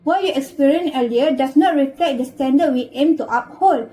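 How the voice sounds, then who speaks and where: A woman's voice: sits high, moderate pace, mellow, lightly acted, poor audio. A woman playing a patient relations officer in a scripted role-play, with formal, apologetic empathy.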